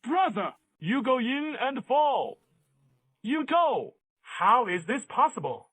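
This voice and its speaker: Husky, wildly swooping, exasperated Taoist elder. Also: male voice, extremely high pitch, sing-song, takes it slowly, a bit bright, full character voice. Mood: pleading.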